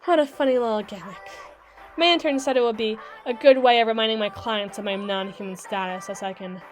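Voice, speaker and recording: A woman audio roleplay performer voices a brisk mermaid lawyer in a lightly high voice close to her everyday one, over background music. Articulate, condescending and dryly witty, she sounds wry and exasperated, delivering her scripted monologue like a lecture with deliberate pauses for dramatic weight.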